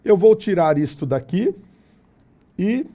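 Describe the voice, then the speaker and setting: A Brazilian man lecturing a class in an unhurried, deliberate way. His voice is very dark and mellow, though it sits a little high for a man. He keeps it lively and jokey, tossing rhetorical questions at the room. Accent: Brazilian Portuguese. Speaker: teacher.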